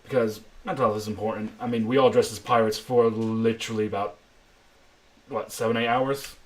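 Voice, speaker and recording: A man's voice: on the low side, steady tone, a little fast, a little hiss or hum. A man, hosting and narrating a tabletop role-playing game in a chatty way, with laughs between sentences. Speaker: game master.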